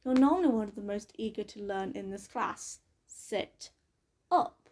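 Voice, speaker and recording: A woman's voice: medium pitch, lively intonation, normal speed, darkish tone, natural voice. A woman reading as a weary, stern male teacher. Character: ever-tired strict male teacher.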